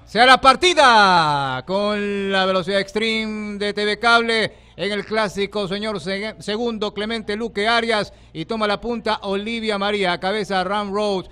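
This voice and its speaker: A man giving live horse racing commentary in the urgent, excited manner of a motorsport commentator. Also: sits high, measured pace, smooth. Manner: excited, urgent calling that builds in intensity. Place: live broadcast from a racetrack.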